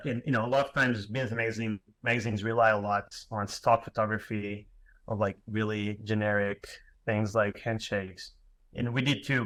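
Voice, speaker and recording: Lecturing online in English, a Portuguese-accented graphic designer in his thirties from Portugal stumbles through many fillers and restarts while being self-deprecating. His voice sits on the low side with a fairly bright tone, and the audio is poor.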